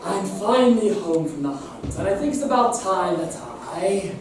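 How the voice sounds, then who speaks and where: A woman playing a vain, boastful young male hunter with pompous, drawn-out delivery, heard from far off in an echoey hall. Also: mid-range voice, expressive, crowd noise, lightly acted. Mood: smug. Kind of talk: amateur pantomime acting. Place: large hall with live audience.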